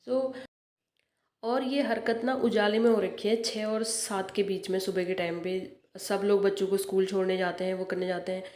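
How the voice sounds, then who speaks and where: A woman's voice: mid-range voice, a little mellow. A woman giving a casual, earnest vlog account of local news from a rooftop, often repeating her points for emphasis. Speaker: vlogger. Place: outdoors on a house rooftop.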